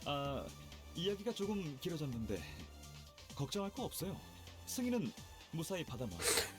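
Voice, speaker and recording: Brief: a breezy male researcher, rapid and animated, casual and teasing. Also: on the high side, faint music behind.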